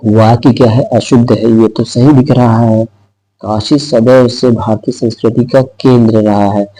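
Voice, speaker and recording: A man's voice: medium pitch, fairly even intonation, measured pace, dark tone, no echo, rough recording. A man teaching an exam-prep lesson who repeats each word and answer aloud and explains step by step.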